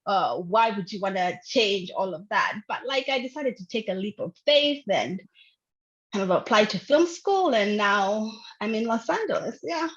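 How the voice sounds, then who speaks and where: A woman's voice: medium pitch, lively intonation, normal speed, a bit bright. A young woman from Uganda, a filmmaker, talking casually in an interview over a video call, chatty with lots of fillers. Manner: chatty, many fillers, laughs often. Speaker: filmmaker guest. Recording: dull lo-fi video call audio.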